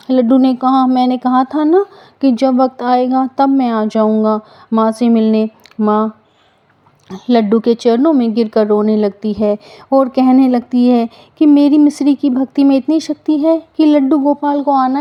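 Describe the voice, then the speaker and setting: A woman's voice: fairly high pitch, steady tone, a little slow. Woman telling a devotional story, lo-fi. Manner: unscripted, with restarts and acted quotes. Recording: dull lo-fi recording.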